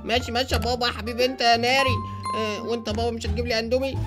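Brief: excitable Egyptian gaming host, high voice, racing delivery. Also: male voice, very fast, music in the background. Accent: Egyptian Arabic. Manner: excitable, exclamatory. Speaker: YouTube gamer host. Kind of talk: narrating a game movie.

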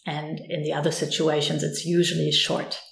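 A German woman with a German accent teaching pronunciation patiently and clearly, modelling each word slowly. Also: sits low, level tone, roomy sound. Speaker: language teacher. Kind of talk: pronunciation lesson.

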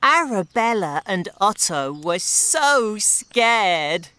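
A woman voicing a playful, clever young hero in a children's cartoon, with a slow sing-song delivery. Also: medium pitch, sing-song, bright, forceful tone, clean tone, dry recording, exaggerated voice.

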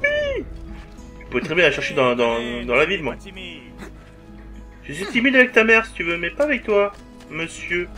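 Male gamer commentating, high, animated pitch, crude and jokey. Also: fairly quick, pauses often, faint music behind. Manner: swearing, joking, talking to the game. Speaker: let's play commentator. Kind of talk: gameplay commentary.

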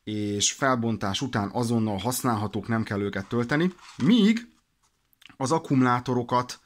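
Here a man with a mid-range voice and lively intonation explains products informally. He works as a product demonstrator for a radio shop, and his delivery is practical with a touch of hesitancy.

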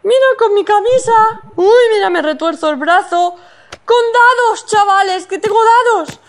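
A woman with a Spain Spanish accent giving excited, exclamatory commentary as she plays a video game. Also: very high-pitched, normal speed. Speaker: gaming streamer.

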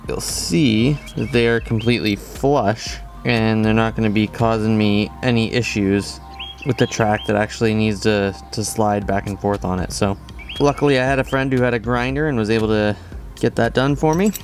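A man's voice: fairly low pitch, moderate pace, faint music behind. A man in his thirties casually explaining a how-to job in a backyard, chatty and rambling, with lots of fillers. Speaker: outdoor channel host. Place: backyard lawn, outdoors.

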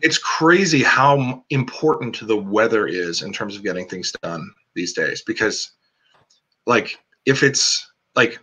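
A man's voice: fairly low pitch, lively intonation, measured pace, pushed and bright, breathy edge. A man, a cinematographer guest, talking casually on a video call, rambling with lots of "like" and "um.". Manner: rambling, many "like" and "um" fillers.

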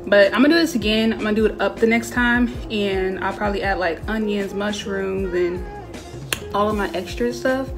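Over music, a cooking vlogger in her twenties speaks at a normal speed in a medium-pitched voice, casually walking viewers through a home recipe with many fillers. She's first in her home kitchen, then in a small bright bedroom.

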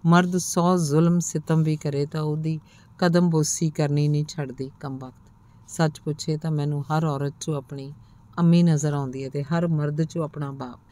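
A woman narrating a first-person audiobook story in a measured, expressive reading. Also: sits low.

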